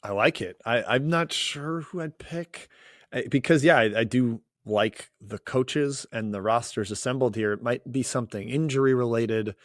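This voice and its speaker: A man co-hosting a sports podcast, giving relaxed, measured analysis with hedging fillers. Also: medium pitch, no room sound, studio quality. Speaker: co-host. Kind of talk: casual sports podcast chat.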